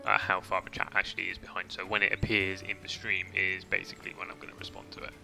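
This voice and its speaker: A man's voice: deep voice, completely flat delivery, fast talker, vocal fry, sharp tone, faint music behind. A man casually rambling through a game stream, chatting to viewers with mild swearing. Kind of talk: casual gameplay commentary.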